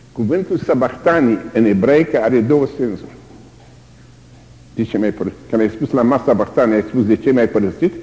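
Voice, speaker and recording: An older man preaching a sermon, dramatic and lively, sometimes crying out the screams of the tortured. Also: medium pitch. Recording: long hall reverb.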